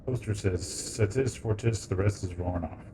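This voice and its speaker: A man's voice: lowish voice, moderate pace, noisy background. A man streaming a video game live as a VTuber, reacting playfully with laughter and swearing. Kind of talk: live gameplay commentary.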